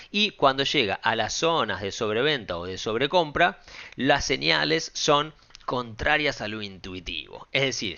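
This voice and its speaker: A man with a Rioplatense Spanish accent walking viewers through a trading software tutorial in a casual, direct way, often checking in with the listener. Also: mid-range voice. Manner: casual, direct, frequent check-ins and fillers. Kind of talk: screen-share software tutorial. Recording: dull lo-fi sound.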